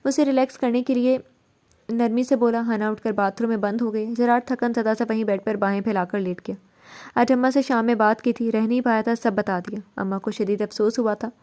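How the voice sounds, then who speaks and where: A woman narrating a serialized novel in a steady, even storytelling manner. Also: a little high. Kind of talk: novel reading.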